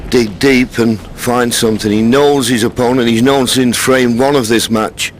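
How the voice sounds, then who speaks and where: A man giving hushed, measured live snooker commentary in short phrases. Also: medium pitch, steady tone. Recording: crowd ambience and faint noise. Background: snooker arena audience.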